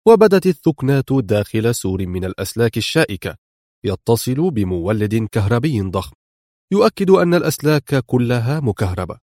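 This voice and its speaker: A man narrating an adventure novel as an audiobook, in steady, dramatic storytelling. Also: medium pitch, no echo, studio quality.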